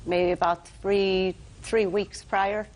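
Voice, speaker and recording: A woman's voice: mid-range voice, level tone, slow, noisy background. A middle-aged woman giving testimony as a plaintiff in a television courtroom.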